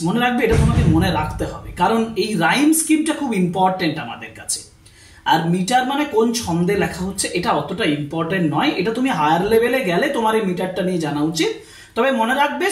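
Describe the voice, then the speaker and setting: A teacher with a West Bengal accent giving a literature lesson, explaining step by step, spelling words out letter by letter and checking in with students. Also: mid-range voice. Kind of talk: exam-prep literature lesson. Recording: roomy, distant from the mic.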